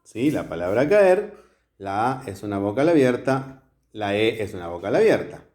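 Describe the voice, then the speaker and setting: A man's voice: fairly low pitch, very animated, normal speed, darkish tone. A male teacher explaining a grammar lesson at a whiteboard step by step, often checking in with the class.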